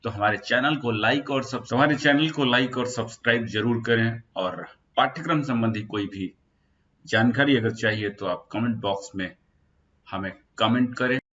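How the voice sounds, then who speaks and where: A man's voice: mid-range voice, normal speed, fairly bright tone, dull audio. A man explaining a university syllabus in an unscripted lecture, listing points with frequent filler sounds. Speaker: teacher of a Hindi course channel. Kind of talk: spoken lecture for university students.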